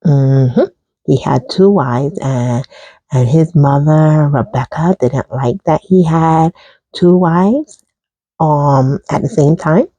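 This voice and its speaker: Gravelly, chatty chaplain retelling Bible stories. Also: medium pitch, takes it slowly, warm tone, no room sound, poor audio. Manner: chatty, digressive, with chuckles and asides. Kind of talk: casual Bible storytelling.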